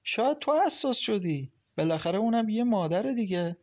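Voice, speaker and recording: A man's voice: high-pitched, voice pushed up. A man voicing a caring, talkative young wife who gives kind, lecturing advice in an audiobook. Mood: advising. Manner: lively, reassuring, lecturing kindly. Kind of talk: audiobook character reading.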